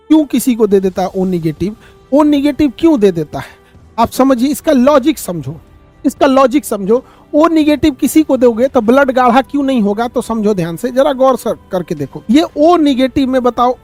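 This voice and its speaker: A man's voice: very high-pitched, darkish tone. A man with a Bihari Hindi accent teaching a class in a colloquial, joking way. He repeats key points and quizzes his students with rhetorical questions. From Bihar, India. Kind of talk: classroom lecture.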